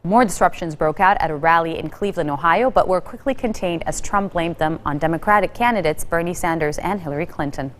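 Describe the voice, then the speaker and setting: A woman news anchor reading a scripted bulletin with a steady, even delivery. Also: fairly low pitch, brisk, few pauses.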